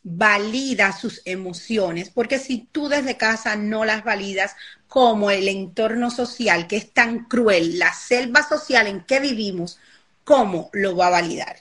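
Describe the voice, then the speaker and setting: A woman's voice: mid-range voice, measured pace, a bit bright. A woman life coach giving advice in an online live conversation, talking emphatically and repeating key phrases. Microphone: online live call.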